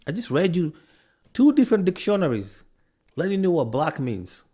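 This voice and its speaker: Speaking to camera, this African man delivers a combative monologue packed with rhetorical questions, stopping now and then to consult his notes and start over. He works as a video commentator. His fairly high voice swings widely in pitch, with a warm, breathy edge and a normal pace.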